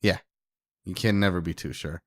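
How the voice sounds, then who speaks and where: Sheepish low-voiced podcast co-host. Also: male voice, moderate pace, no room sound. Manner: sheepish, self-deprecating. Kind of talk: casual chat.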